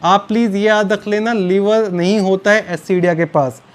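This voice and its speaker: A man teaching a biology lecture to students, mixing Hindi and English and slowly repeating key terms, fondly calling them children. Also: sits high, fairly even intonation, smooth. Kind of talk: recorded online lecture.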